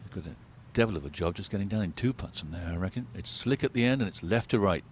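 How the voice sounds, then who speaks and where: A man giving live golf commentary as the lead commentator, in a measured, understated, conversational way. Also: low voice, expressive, slight background noise.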